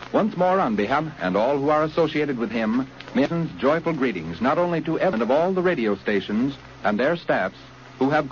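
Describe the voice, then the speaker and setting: A man, a radio announcer, giving formal closing announcements on an old 1930s radio broadcast. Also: mid-range voice. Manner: formal, declamatory. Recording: dull lo-fi 1930s radio broadcast, faint hiss.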